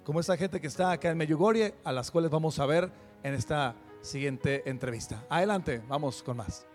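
Fervent man hosting, bright pitch. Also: moderate pace, music in the background. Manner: fervent, preachy, addresses viewers directly. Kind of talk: earnest spoken commentary.

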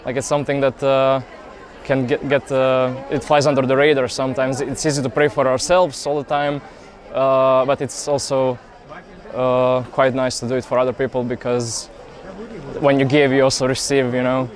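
A young man speaks in a flat, even tone, pausing often and reaching for words as he earnestly answers questions. He is outdoors at a festival, and a faint crowd murmurs behind him. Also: medium pitch. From Croatia. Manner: earnest, hesitant, many pauses and fillers. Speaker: interviewee, festival pilgrim. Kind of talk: casual street interview. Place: outdoor youth festival grounds.

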